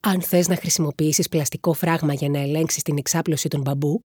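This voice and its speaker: Female narrator voicing a composed, level-headed man; measured, soothing, low and husky. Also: steady tone, dark tone, no echo, studio quality. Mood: explaining. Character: calm reasonable man, patient brother.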